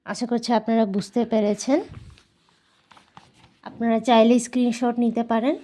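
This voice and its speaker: A woman with a Bangladeshi Bengali accent teaching Korean words in a casual video lesson, slowly repeating each word for practice. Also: on the high side, little pitch movement, warm tone.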